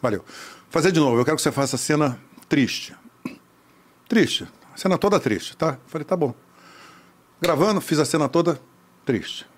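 A man telling a lively anecdote about his acting career, acting out the other people's voices. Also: fairly high pitch, fairly quick. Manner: animated storyteller, acts out voices. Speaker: actor telling a story. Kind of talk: casual anecdote.

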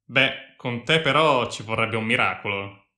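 A man's voice: mid-range voice, a little slow, bright, forceful tone. A man voicing a young, wisecracking male lieutenant in his mid-twenties who talks in a joking, eager way. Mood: mocking. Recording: echoey room.

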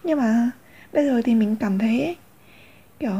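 A woman's voice: fairly high pitch, moderate pace, mellow, breathy edge, highs cut off. A young woman, rambling candidly in a casual confessional vlog. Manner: rambling, many fillers and restarts, candid. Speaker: vlogger.

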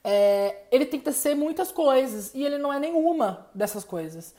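A woman's voice: high-pitched, lively intonation, normal speed, dark tone. A Brazilian woman co-hosting a podcast, discussing film casually and repeating her points for emphasis. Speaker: podcast co-host.

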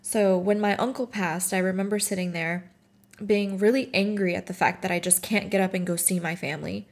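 A woman in her late twenties from Morocco speaks through tears, worn out and emotional. She pauses and restarts often as she works through a personal reflection. At times she reads her own writing aloud. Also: mid-range voice. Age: 20s. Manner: halting and emotional, with frequent restarts. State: tearful and tired.

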